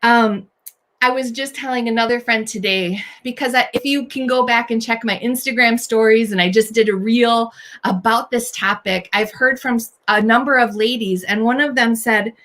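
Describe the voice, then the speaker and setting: A woman with a fairly high voice hosts a faith-based encouragement talk for women. She sounds earnest and warm, and she speaks directly to her listeners. She reassures them, almost as if coaching a friend. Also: normal speed. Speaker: host.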